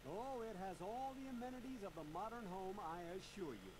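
An eager game salesman, ingratiating, high and very animated. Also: a little fast, background noise. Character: eager, polite door-to-door vault salesman.

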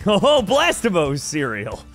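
A man hosts a casual group gaming session. His voice sits high and leaps around in pitch, full of jokes and quick laughter. Faint music plays behind him. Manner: animated, joking, quick laughs. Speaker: gaming channel host. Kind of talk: casual group gameplay chat.

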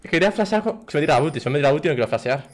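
Excitable young streamer, lively pitch. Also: male voice, very fast, heavy background noise. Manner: excitable, bursts into high shouts and swearing. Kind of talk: live gameplay commentary.

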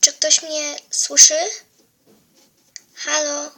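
A woman's voice: sits high, monotone, extremely slow, bright, forceful tone, full character voice. A young female performer voicing a frightened lost female pet in a fan drama, calling out anxiously and pleading for answers.

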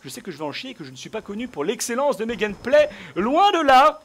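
A young man giving casual gameplay commentary, chatting to viewers and bursting into angry shouts when he loses. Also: high-pitched, very fast, slightly rough. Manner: excitable, bursts into rage shouts. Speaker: gaming YouTuber.

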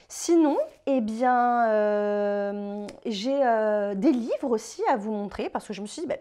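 Chatty French-speaking woman with a higher voice. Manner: chatty, relaxed, many fillers like "euh" and "bah". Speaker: painting vlogger. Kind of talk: casual vlog narration.

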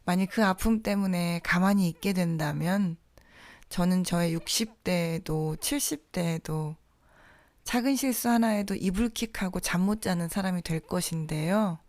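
A woman hosting a podcast, speaking a reflective, scripted monologue in a soft-spoken way. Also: fairly low pitch, moderate pace, dry recording. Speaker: podcast host.

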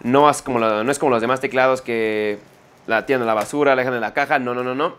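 A man's voice: medium pitch, fairly even intonation, fast, a bit bright, clean tone. A man reviewing a gaming keyboard in a hands-on tutorial, explaining step by step and often checking in with "ok?" after each point. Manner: self-correcting mid-sentence. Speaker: tech reviewer.

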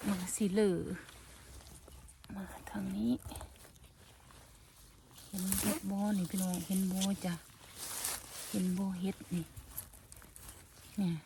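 A woman from Surin with a northeastern Thai accent and a native Khmer background, a little hoarse, murmuring casual asides while foraging outdoors. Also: mid-range voice, flat delivery, measured pace, long pauses, noisy background. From Surin, northeastern Thailand. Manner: soft, murmured asides to viewers. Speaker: mushroom-foraging vlogger. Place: outdoors in a forest and on a lawn.

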